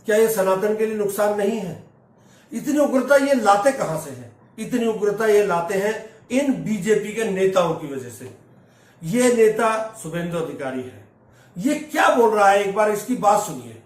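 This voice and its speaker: A man's voice: sits high, expressive, moderate pace, darkish tone, echoey room, recorded from a distance. A man delivering opinion commentary on the news with indignant rhetorical questions to his viewers.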